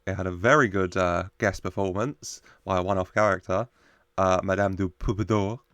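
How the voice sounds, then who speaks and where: A man's voice: low voice, fairly even intonation, moderate pace, a bit bright, clean tone, no echo. A man giving casual, jokey reaction commentary as a show host. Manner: jokey, chuckles often while talking.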